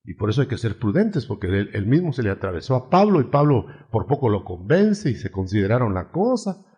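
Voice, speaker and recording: A male preacher delivering a sermon with humor and energy. His mid-pitched voice rises and falls with lively expression as he acts out scenes. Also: brisk, lo-fi sound. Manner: animated, humorous, acts out quotes.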